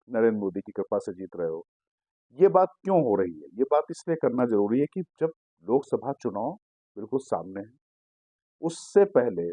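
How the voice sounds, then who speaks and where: A man delivers political news commentary in an assertive, explanatory way. His voice sits at an ordinary middle pitch. The sound is dry and a little dull, with no room echo. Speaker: digital news host.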